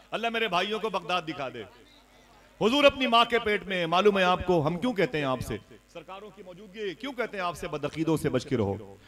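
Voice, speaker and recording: A man preaching a sermon at a live religious gathering, telling a story and swelling to loud cries as he urges the crowd to respond. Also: high voice.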